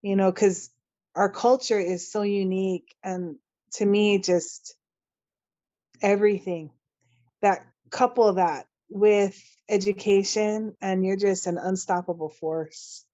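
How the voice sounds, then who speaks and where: A woman in her forties speaks as a podcast guest, earnest and impassioned, stumbling into restarts as she works her thoughts out. The sound is dull and lo-fi, and very dry. Her pitch sits in an ordinary middle range. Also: steady tone, slow pace, dark tone, no room sound. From Hawaii. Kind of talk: casual podcast interview.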